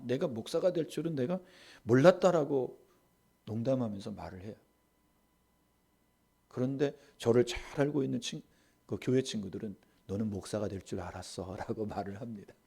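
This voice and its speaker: Gravelly-voiced Korean pastor preaching. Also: male voice, medium pitch. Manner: rises to loud emphatic stress, then drops to soft asides. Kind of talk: sermon.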